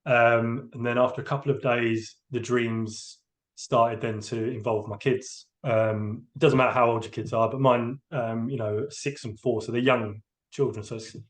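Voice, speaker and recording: A man's voice: medium pitch, steady tone, normal speed. A man, a train driver giving a candid, hesitant personal account in a podcast interview. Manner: hesitant, open, emotionally candid.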